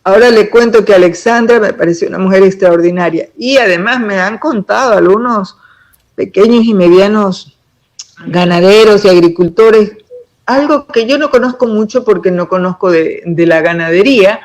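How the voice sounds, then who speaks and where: A woman's voice: medium pitch, normal speed, a little mellow, rough recording. A woman, a political pre-candidate answering interview questions in long, emphatic explanations.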